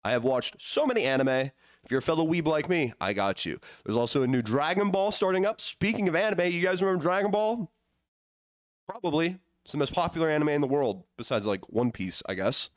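A man hosting a podcast with playful, casual hype, his voice wheezy and hoarse from being sick. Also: on the high side, animated, fairly quick, no room sound, clean studio sound. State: sick, voice partly gone. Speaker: podcast host.

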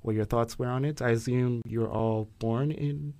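A man's voice: mid-range voice, steady tone, normal speed, dark tone. A young man from Ghana hosting a casual podcast discussion, thoughtful and hesitant, with many fillers and restarts. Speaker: podcast host.

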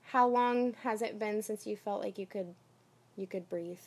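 A woman acting as a life coach, guiding a client through a coaching exercise with encouraging, gently directive prompts. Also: medium pitch, a little slow, husky. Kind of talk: guided coaching session.

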